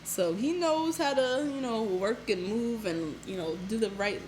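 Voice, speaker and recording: Podcast co-host, woman, casual and chatty, quick to laugh, light room hiss. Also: a little high, lively intonation, darkish tone, poor audio. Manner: chatty, laughs often, lots of fillers. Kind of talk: casual chat recapping a reality show.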